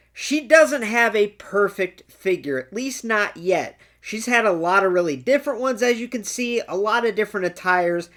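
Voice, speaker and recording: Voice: mid-range voice, fairly bright tone. A chatty, opinionated video host giving casual commentary on a ranking of collectible toys.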